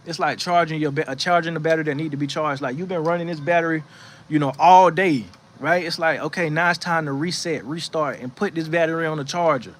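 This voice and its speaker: Fast and a little high, this man's voice carries a faith livestream he hosts outdoors from a rocking chair on his porch. He gives easygoing spiritual encouragement and reads the chat aloud. Chatty and preachy, he keeps restarting his sentences and leaning on "you know what I'm saying."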